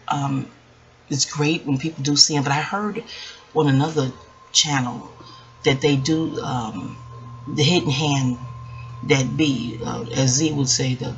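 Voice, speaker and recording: A woman video channel host in her forties talks to viewers from a quiet, dark room at home, her low voice hushed and gravelly so she won't wake anyone. Her chat is rambling and reflective, hesitant and prone to digressions. The dull, lo-fi recording sounds muffled, with faint background noise.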